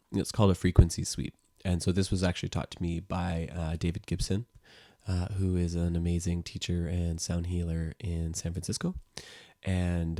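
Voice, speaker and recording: A man, a music teacher and sound therapist, gently explains a guided sound-healing exercise in calm, unhurried talk with frequent fillers. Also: sits low, no echo, studio quality.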